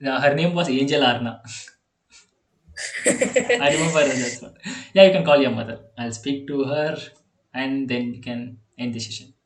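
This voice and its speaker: Over an echoey video call, a young coding tutor from India, whose native language is Telugu and who speaks with an Indian accent, runs a casual online lesson. His medium-pitched voice moves at normal speed, but he pauses often, hesitates and keeps restarting with fillers, with slight background noise.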